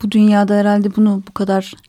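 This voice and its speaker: A woman's voice: medium pitch, completely flat delivery, fast talker, dark tone, dry recording. A woman co-hosting a radio talk program, chatting casually and making wry, teasing remarks. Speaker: radio co-host.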